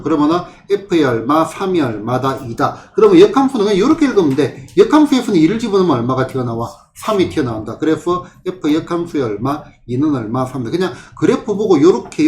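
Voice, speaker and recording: Man tutoring math in an echoey room. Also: a little high. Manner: questioning, with frequent rhetorical check-ins. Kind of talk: classroom problem walkthrough. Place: tutoring classroom. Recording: echoey room with faint ambient noise.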